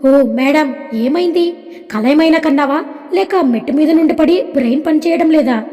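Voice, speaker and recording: A man's voice: very high voice, normal speed, dark tone, soft background music. A woman voicing a young man who teases and scolds in a storybook reading. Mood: teasing. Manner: teasing scolding. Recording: long hall reverb.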